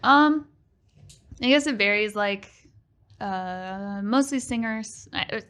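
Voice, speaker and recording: A woman in her twenties, a singer-songwriter guest, answering casually with hesitant pauses and fillers. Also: mid-range voice, fairly bright tone. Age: 20s. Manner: hesitant, laughs often, many fillers. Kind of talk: casual interview chat.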